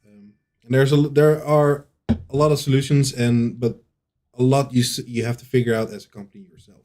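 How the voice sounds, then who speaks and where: A man's voice: mid-range voice, little pitch movement, brisk, warm tone. A man answering questions as a lead game developer, in a casual, hesitant way with many fillers and restarts.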